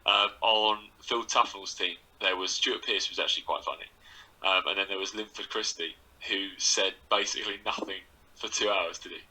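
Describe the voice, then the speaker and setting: Bright-voiced man bantering. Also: lowish voice, fairly even intonation, moderate pace, low-quality recording. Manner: chatty, laughing, banter-heavy. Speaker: podcast co-host. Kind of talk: casual chat.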